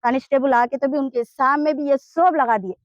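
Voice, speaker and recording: A woman with a Hyderabadi Urdu accent speaks in a high, urgent voice, pressing her complaint to a reporter with insistent, pleading force. The sound is dry and close, a little dull and lo-fi. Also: steady tone, normal speed, no room sound. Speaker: interviewee in a land dispute. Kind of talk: street interview complaint.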